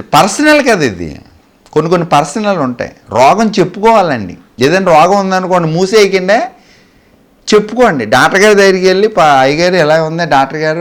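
A male preacher delivers a sermon in a fairly high voice that swings widely in pitch. He tells the story with dramatic flair and keeps asking the congregation questions. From Andhra Pradesh, India. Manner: acts out the dialogue of the story's characters.

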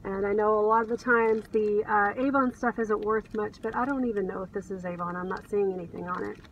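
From the cabin of her car, a middle-aged American woman chats to camera with gushing enthusiasm, showing thrift finds as a reseller vlogger. Her voice is medium in pitch and steady in tone, a little fast, and the sound is lo-fi from a distant mic with background noise.

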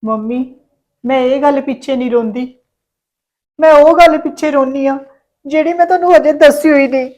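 An actress playing a tearful young daughter-in-law, speaking softly and pleading in a drama. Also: female voice, sits high, moderate pace, pauses often, natural voice. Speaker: actor. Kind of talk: Punjabi web drama acting.

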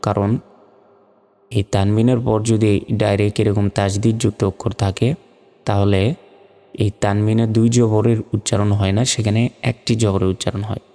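A man teaching Quran reading step by step, patiently spelling out each syllable and drawing words out slowly. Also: fairly low pitch, flat delivery, warm tone, long reverb tail.

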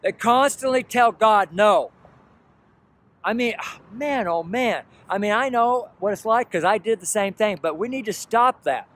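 High-voiced man in his sixties preaching. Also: expressive, unhurried, a bit bright. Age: 60s. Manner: earnest, repetitive, pleading emphasis. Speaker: street preacher. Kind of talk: outdoor street sermon to camera. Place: roadside outdoors by traffic. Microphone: selfie camera at arm's length. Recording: faint traffic noise outdoors.

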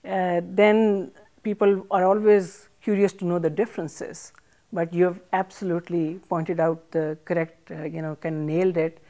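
In an interview conversation on a studio set furnished with armchairs and plants, a chef and author from Pakistan, an older woman, considers each question with plenty of fillers. Wearing a lapel mic, she speaks at normal speed in a warm voice on the low side with fairly even intonation.

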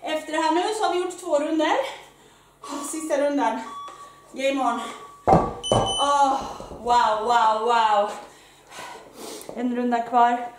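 A woman fitness coach who is out of breath, leading a workout with energetic, loud exclamations while she exercises. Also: high-pitched. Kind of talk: live workout instruction. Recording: very echoey room, mic far off, faint noise.

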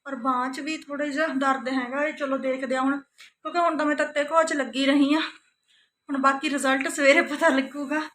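A woman's voice: high voice, steady tone, a little fast, fairly bright tone, slight background noise. A woman in her thirties from Punjab, tired and chatty, talking through her day in a casual family home vlog and often tagging her sentences with a questioning "right?". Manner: chatty, tags sentences with "hanna". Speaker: family vlogger.

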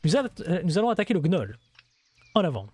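A man's voice: sits high, big pitch swings, fairly quick, a little mellow, breathy edge, no echo. A man hosting a gameplay video, casually explaining the game in a chatty way with many hesitations and asides.

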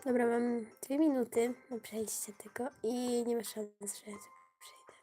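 A woman's voice: on the high side, steady tone, unhurried, mellow, soft background music. A woman live-streaming games who talks to her viewers, often slipping into a whisper, her voice touched by a cold and easily flustered when she loses. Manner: often drops to a whisper while playing. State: voice affected by a cold. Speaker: gaming livestreamer. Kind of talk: casual live gaming stream.

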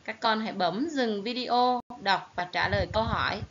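A woman's voice: medium pitch, fairly bright tone. A woman primary school teacher with a Southern Vietnamese accent, giving a recorded reading lesson to children and carefully spelling out each word. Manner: slow, careful, clearly enunciated teaching delivery. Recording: dull lo-fi recording with faint hiss.

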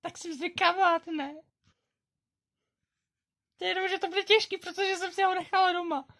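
A whiny female pony who never stops grumbling about being cold, as a girl puts her on. Her voice is very high with a gravelly edge. It sounds like a home-made toy play. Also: fairly even intonation, fairly bright tone. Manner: complaining, whiny.

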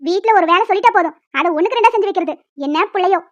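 A woman voicing a harsh older mother-in-law in a cartoon, shrill and cutting as she scolds and insults. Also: rapid-fire, darkish tone, dull audio. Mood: scolding.

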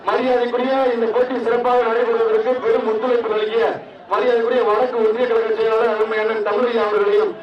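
A man announcing a live outdoor event over a loudspeaker public address, mixing excited cheering with formal honorific announcements. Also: very high-pitched, a little fast, muffled recording. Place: outdoor arena with crowd. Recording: echoey loudspeaker heard from far off in a crowd.

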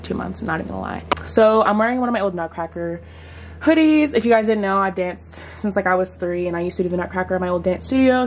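A woman's voice: mid-range voice, slight background noise. A young adult woman chatting casually to camera in a slangy, self-deprecating way as she vlogs. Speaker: vlogger. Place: small bedroom, car, gym locker room. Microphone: handheld camera at arm's length.

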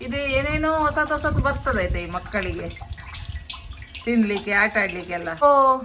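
A woman's voice: a little high, expressive, normal speed, noisy background. Chatty mother vlogging at home. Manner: chatty, coaxing and teasing with her child. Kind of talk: casual home vlog chat.

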